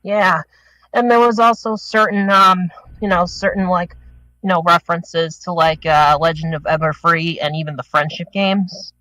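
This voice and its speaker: Bright dry-sounding guy kinda out of breath, keeps saying the thing is. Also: high-pitched, steady tone, normal speed, dry recording, rough recording. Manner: rambling, restarts with "the thing is". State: a little out of breath. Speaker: podcast panelist. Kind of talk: casual group discussion.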